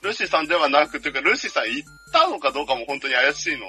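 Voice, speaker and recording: A man's voice: a little high, very animated, very fast, bright, forceful tone, slightly rough. A man in a casual podcast chat over a video call, telling stories eagerly with jokey asides. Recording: video call with music behind.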